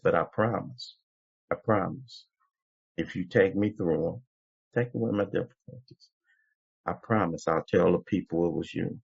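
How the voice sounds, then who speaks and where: A man's voice: low voice, vocal fry, a little mellow, breathy edge. A man in his seventies giving an impassioned, preacher-like testimony at a recovery meeting, repeating phrases for emphasis. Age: 70s. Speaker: guest speaker at a recovery meeting. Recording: dull lo-fi recording.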